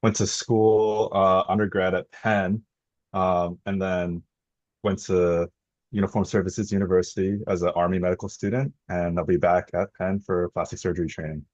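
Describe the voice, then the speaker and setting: Man, 20s, from Pennsylvania; very low, flat, dry, dull video call sound. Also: normal speed, no room sound. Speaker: panelist, army medical student. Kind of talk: casual panel introduction.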